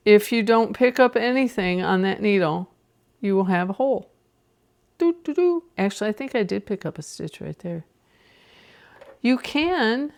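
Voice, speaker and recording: A woman hosting a casual knitting tutorial, chatting to herself as she works a sock machine, sometimes dropping to a whisper. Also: mid-range voice. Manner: chatty, talks to herself while working, drops to a whisper at times. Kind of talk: casual how-to demonstration.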